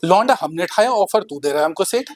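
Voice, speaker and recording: A man voicing a rough small-time kidnapper who talks bluntly in street slang. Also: sits high, lively intonation, brisk. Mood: gruff.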